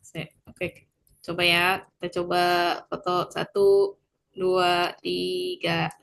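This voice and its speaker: A woman's voice: fairly low pitch, monotone, slow pace, vocal fry, a bit bright. Woman on a choppy, breaking-up call. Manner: counting down for a group photo. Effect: choppy, breaking-up online call audio. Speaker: webinar participant. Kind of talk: casual chat on a video call. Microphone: video call.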